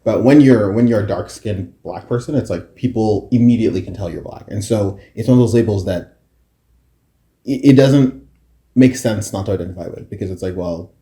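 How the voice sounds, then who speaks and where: A man from Africa co-hosting a casual podcast chat, animated, laughing often and restarting his sentences. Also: on the low side, brisk. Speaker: podcast co-host. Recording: roomy echo.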